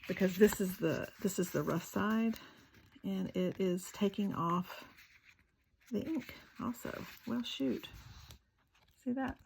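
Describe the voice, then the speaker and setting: A woman's voice: medium pitch, slow pace, gravelly, long pauses, darkish tone, slight background noise, rough recording. A woman, talking casually through a craft tutorial, chatty and self-deprecating, with muttered asides while she works. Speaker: craft video maker.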